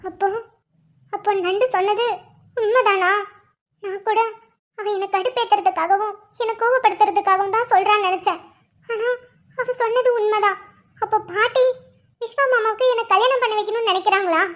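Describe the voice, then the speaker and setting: A woman's voice: very high-pitched, steady tone, a little fast, long pauses, fairly bright tone. A woman voicing a worried young college girl in a cartoon, thinking aloud in an anxious inner monologue. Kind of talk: cartoon voice acting.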